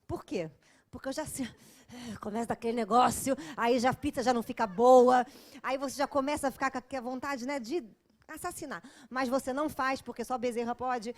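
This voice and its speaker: Brazilian woman giving a funny spiritual talk, pretty high voice, jokey storytelling, jumps from loud to hushed all the time. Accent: Brazilian Portuguese. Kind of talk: humorous spiritual lecture.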